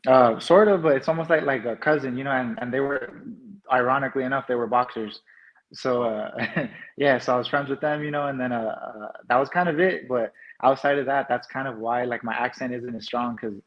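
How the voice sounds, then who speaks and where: A man's voice: medium pitch, fairly even intonation, fairly quick, lo-fi sound. A man from New Mexico with an American accent, chatting casually as an interview guest in laid-back, slangy phrasing. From New Mexico, United States.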